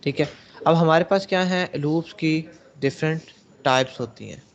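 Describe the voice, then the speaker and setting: A man's voice: on the high side, moderate pace, muffled recording. A male programming teacher giving a classroom lecture, explaining step by step and answering his own questions to the class. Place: classroom with students.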